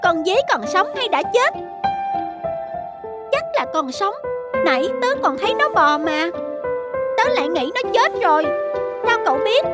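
A chatty little village kid in a children's cartoon played by a woman, very high and squeaky. The voice bounces up and down with lively energy. Playful kids' music runs behind. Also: measured pace, pauses often, heavily acted. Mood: curious. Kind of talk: cartoon voice acting.

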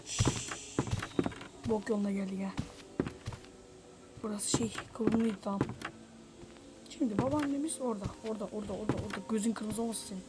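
A young woman giving foul-mouthed, yelling commentary while playing a horror game. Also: medium pitch, quick pace, long pauses, very noisy. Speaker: gameplay streamer.

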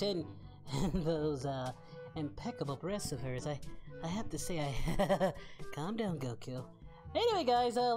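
In a parody, a man plays an excitable, lecherous, cheerful anime warrior, hosting a casual reaction video in character. His voice is high-pitched, and he is bawdy, exclaiming constantly.

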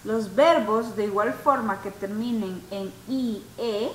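A woman teaching an English grammar class to students, explaining rules slowly and patiently and switching between Spanish and English. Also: on the high side. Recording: echoey room, faint background noise.

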